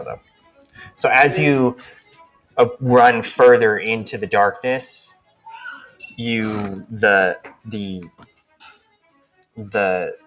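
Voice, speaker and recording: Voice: medium pitch, a bit bright. A game master narrating a tabletop game in a rambling way, full of fillers and hedges.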